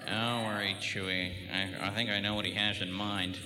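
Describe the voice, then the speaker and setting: A man's voice: fairly low pitch, little pitch movement, moderate pace, close to an everyday voice. A man playing a cynical, grumbling mercenary rogue pilot in a radio drama parody. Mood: wry, tense. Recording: echoey hall, clear music behind.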